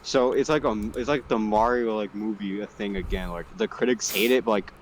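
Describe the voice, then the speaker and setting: A young man co-hosting a podcast in casual chat, laughing often and quick to protest in disbelief. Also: on the low side, a little hiss or hum, rough recording. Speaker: podcast co-host.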